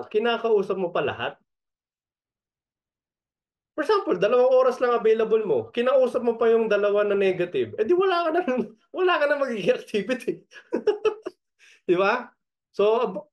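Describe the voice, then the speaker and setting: Upbeat Filipino man coaching, lo-fi. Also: a little high. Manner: energetic, laughs often, repeats key points. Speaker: online business coach. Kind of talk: motivational training talk.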